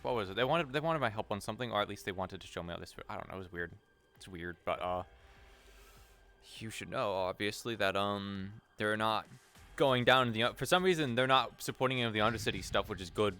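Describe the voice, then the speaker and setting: A man's voice: fairly low pitch, fast, pushed and bright, clear, resonant tone, soft background music. Rambling, swearing man in roleplay. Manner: rambling, profane, many restarts. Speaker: roleplay streamer. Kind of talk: casual in-character roleplay.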